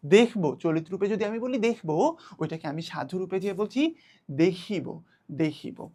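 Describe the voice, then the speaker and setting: A young woman teaching an online class to children, patient and repeating key words slowly. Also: lowish voice, lively intonation, warm tone.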